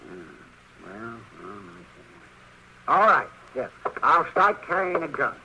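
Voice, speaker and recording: An actor playing a testy, stubborn older American frontier doctor, crotchety and blustering, in an old-time radio western. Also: male voice, medium pitch, big pitch swings, slow pace. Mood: uneasy. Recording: very noisy old radio recording.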